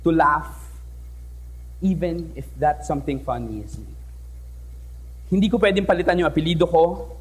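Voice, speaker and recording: A young Filipino teacher shares a personal story on an event hall stage, talkative and playful, mixing languages and often asking the crowd questions. His voice is a little high and slightly rough, at normal speed with frequent pauses.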